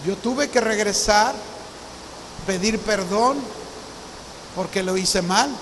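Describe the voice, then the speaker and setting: A pastor around sixty preaches with a notably high voice, telling his story in an earnest, personal way. His words ring out with a long reverb, and a faint hiss sits underneath. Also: slow, a bit bright. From Mexico. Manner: earnest storytelling, acts out remembered dialogue. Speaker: visiting pastor. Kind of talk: sermon. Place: church hall.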